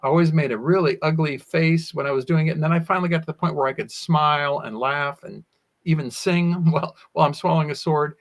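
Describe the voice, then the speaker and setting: Speaking fast in a slightly high voice, a sword swallower guest goes on at length in an interview. His storytelling is animated and anecdotal, and he keeps acting out words he said in the past.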